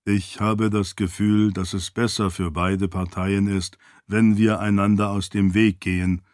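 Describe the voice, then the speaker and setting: A man reading an audiobook, voicing a loyal floating spirit servant who speaks in a measured, deferential way. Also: lowish voice, level tone, darkish tone, no echo, clean studio sound, natural voice. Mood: calm. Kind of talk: audiobook character voice.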